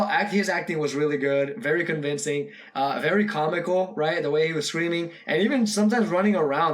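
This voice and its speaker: A young man giving casual, rambling reaction commentary on a short horror film, full of fillers and restarts. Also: a little high. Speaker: video reactor.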